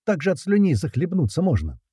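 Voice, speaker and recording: A man's voice: a little high, huge pitch swings, fairly quick, mellow, husky, no echo, clean studio sound, pitched above the performer's own voice, exaggerated voice. A man voicing a lazy, easygoing male soldier with a sly drawl.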